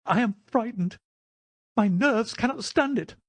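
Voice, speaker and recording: Storybook timid gentleman, man acting him out: very high, fretful, frightened, helpless. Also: big pitch swings, normal speed, breathy edge, no room sound, exaggerated voice. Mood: terrified. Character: nervous, timid, fearful, feeble gentleman. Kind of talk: audiobook character voice.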